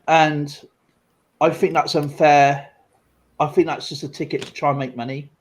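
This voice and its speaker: A man's voice: a little high, little pitch movement, moderate pace, rough recording. A man chatting casually on a stream, rambling with lots of fillers and restarts. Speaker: streamer and coin collector. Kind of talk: casual live-stream chat.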